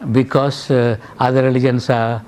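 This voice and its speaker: An older Sri Lankan professor with a Sri Lankan accent lectures in a classroom, reflecting on his own life. He talks earnestly in measured phrases broken by frequent pauses, using a mid-range voice with a flat delivery and a darkish tone.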